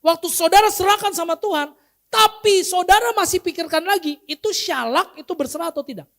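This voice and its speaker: A man's voice: extremely high pitch, a little fast, fairly bright tone. A male pastor giving a sermon in a casual, humorous way, often quizzing the congregation. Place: church.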